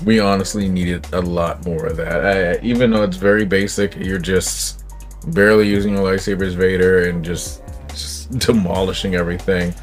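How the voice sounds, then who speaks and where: A very deep-voiced man talks through his reaction to a trailer in casual commentary. He rambles, restarts and hunts for words, and soft music sits faintly behind him. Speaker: reaction channel host.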